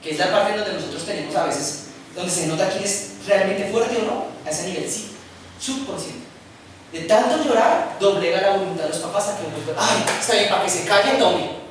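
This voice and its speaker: A man's voice: high voice, a little fast, slight background noise. A man preaching a sermon, telling stories, acting out scenes and asking the audience questions. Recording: echoey room, speaker far from mic.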